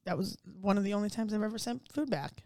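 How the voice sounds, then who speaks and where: A woman chatting casually, telling an animated story full of swearing and fillers. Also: mid-range voice, fast, dry recording, studio quality. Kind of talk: casual chat.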